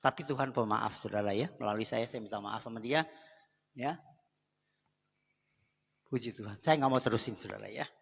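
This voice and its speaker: A man's voice: medium pitch, moderate pace, gravelly, pauses often, slightly rough. A man preaching a sermon in a church, chatty and direct, often turning to the congregation with asides. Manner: conversational preaching, often addressing the congregation as saudara. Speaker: pastor. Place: church sanctuary. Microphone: live microphone. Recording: long church hall reverb.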